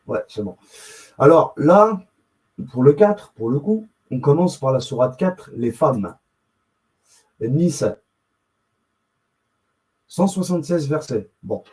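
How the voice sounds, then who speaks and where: A YouTube host rambles through casual screen-share commentary on his own channel, interrupting himself, musing aloud and muttering as he looks things up on screen. His mid-range voice is warm, though the recording quality is low.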